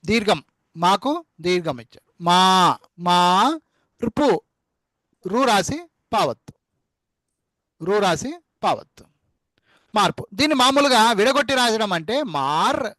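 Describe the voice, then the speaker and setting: A male teacher giving an online class lesson, repeating syllables slowly to drill spelling and fondly calling his students amma and nanna. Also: high voice, sharp tone, no echo. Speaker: spoken English teacher.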